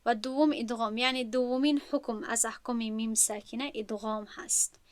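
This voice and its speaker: A woman with a somewhat high voice teaches recitation rules in a patient, explanatory way, stretching out each example she recites. Her voice is close and dry, with no room echo. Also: steady tone, clear, resonant tone. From Central Asia.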